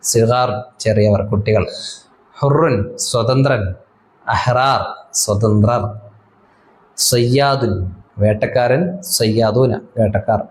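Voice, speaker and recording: A man teaching an Arabic lesson, reading phrases slowly and explaining each one to students. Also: mid-range voice, fairly even intonation, poor audio. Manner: asks rhetorical questions of students.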